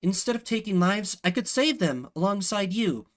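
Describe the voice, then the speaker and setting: A man voicing an earnest, devoted companion in a video game, with a halting, heartfelt, sorrowful delivery. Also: sits high, lively intonation. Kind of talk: dramatic visual novel game acting.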